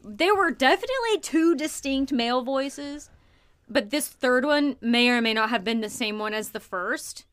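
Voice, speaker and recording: A young woman co-hosts a casual podcast, her voice a touch high. She tells a spooky story in an animated, rambling way, full of "like" and restarts. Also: normal speed. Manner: animated, filler-heavy retelling of a ghost hunt. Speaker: podcast co-host.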